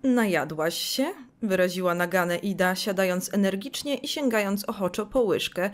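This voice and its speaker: A woman's voice: medium pitch, steady tone, brisk. A woman narrating a scripted video essay, reading book passages aloud with dry, sarcastic commentary.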